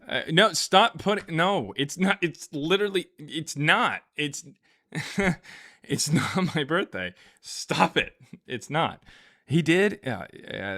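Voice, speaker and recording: A man's voice: on the high side, sharp tone. A man hosting a live stream, chatting casually and arguing bluntly, often laughing. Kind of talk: casual debate chat.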